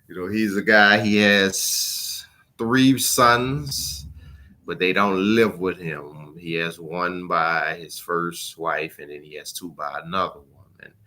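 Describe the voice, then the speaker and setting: A man with a deep, pushed, bright voice reviews books in a casual, informal way. He halts and rambles, letting the ends of his phrases trail off.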